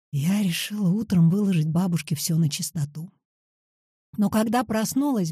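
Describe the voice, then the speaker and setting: A woman narrating a children's story for an audiobook in an animated storytelling manner. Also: mid-range voice, breathy edge, dry recording, clean studio sound.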